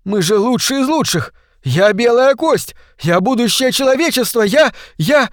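A man voicing a proud male colonist shouting his thoughts in panic in a storybook reading. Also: mid-range voice, fast talker, no room sound, studio quality, close to an everyday voice. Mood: panicked screaming. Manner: frantic inner shouting.

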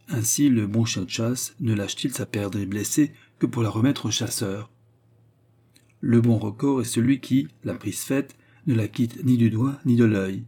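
A man narrates a classic novel for an audiobook, measured and steady in his telling. His voice is dark and mellow, with a husky grain, at a middle pitch.

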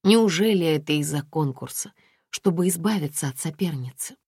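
Woman reading a guarded young heroine, quiet clipped lines, low voice, dry studio sound. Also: lively intonation, moderate pace, breathy edge, no echo, exaggerated voice. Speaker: audiobook reader.

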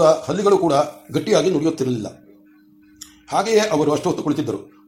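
A man reading a novel aloud at a steady pace, repeating words to fix small slips. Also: fairly high pitch. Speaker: audiobook reader. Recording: roomy echoey room.

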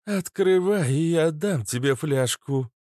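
A man's voice: a little high, sing-song, takes it slowly, darkish tone, dry recording, clean studio sound, voice pushed up. A man voicing a fierce, hot-tempered female werewolf fighter who talks bluntly and swears, in an audiobook. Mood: teasing.

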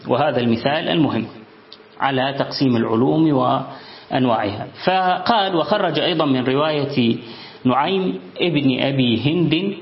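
A man giving an Islamic studies lesson, reading from a book and explaining it in a measured way with thinking pauses. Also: medium pitch, creaky. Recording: roomy, dull lo-fi sound.

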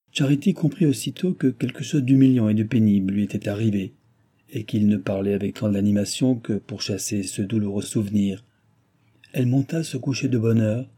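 A man reading a novel aloud as narrator, in a measured, even delivery. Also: lowish voice, breathy edge. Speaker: audiobook narrator.

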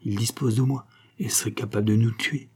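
A man's voice: lowish voice, steady tone, brisk, mellow, husky. Man reading as a coaxing false countess. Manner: sentimental, coaxing.

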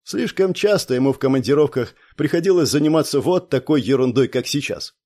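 A man reading a detective novel aloud in measured scripted narration. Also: mid-range voice, mellow. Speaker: audiobook narrator.

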